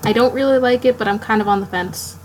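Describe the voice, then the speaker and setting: A sleepy art streamer with a slightly high voice rambles to herself while drawing late at night, yawning and speaking haltingly during her casual live stream. The audio is poor, with some hiss or hum.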